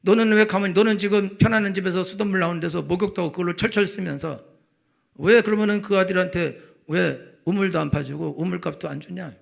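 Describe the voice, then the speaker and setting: A man preaching a Sunday sermon as senior pastor, firing rhetorical questions and building to loud passages. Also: high voice, steady tone, quick pace, creaky. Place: church sanctuary.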